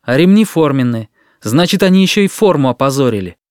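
A man voicing a small boy who calmly insists on expulsion. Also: mid-range voice, a little fast, dry recording, studio quality, voice pushed up, lightly acted. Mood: firm. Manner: calm, firm. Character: small curly boy, calm and firm.

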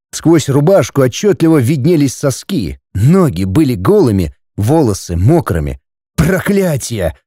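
A man narrating a first-person audiobook in a dramatic, expressive reading. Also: mid-range voice, no echo, studio quality.

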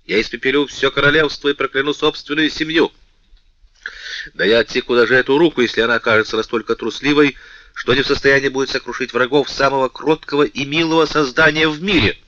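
A man reading the part of a passionate, imperious young king who bursts into loud, vengeful speeches. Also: lowish voice, moderate pace, no echo, highs cut off. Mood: raging, pleading. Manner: impassioned, loud outbursts. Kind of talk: audiobook character reading.

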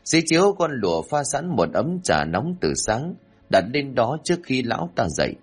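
A man narrating a folk story for an audiobook, measured and expressive. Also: medium pitch, husky, soft background music.

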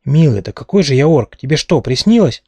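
A man's voice: a little high, big pitch swings, a little fast, dark tone, breathy edge, no echo, heavily acted. A man doing a cheeky, teasing young man. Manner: bantering, affectionate teasing.

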